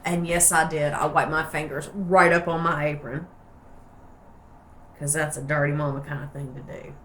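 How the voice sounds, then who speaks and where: A woman's voice: sits low, level tone, moderate pace, fairly bright tone, slight background noise. Folksy woman with an Appalachian hillbilly accent. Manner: folksy, rambling and playful, with homespun slang. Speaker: soap maker and channel host. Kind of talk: casual craft vlog chat.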